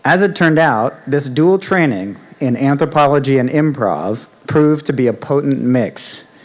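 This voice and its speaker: A man in his forties, a department chair, giving a formal introduction at an outdoor podium mic with halting fillers. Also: mid-range voice, expressive. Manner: halting, with fillers and restarts, reading a list. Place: outdoor university ceremony stage. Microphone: podium mic on stand.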